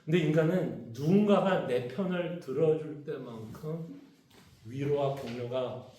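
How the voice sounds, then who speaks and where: A man's voice: a little high, measured pace, mellow, a little hiss or hum. A man, a pastor, leading a Bible study in a conversational way and often asking his congregation questions. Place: church hall. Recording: echoey church room.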